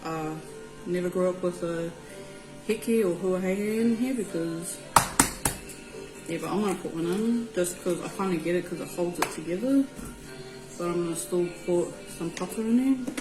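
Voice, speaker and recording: A woman's voice: lowish voice, moderate pace. A woman with a New Zealand Māori accent giving an easygoing, informal cooking tutorial, mixing in Māori words. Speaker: home cook presenting a recipe. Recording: roomy echo with music behind. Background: music.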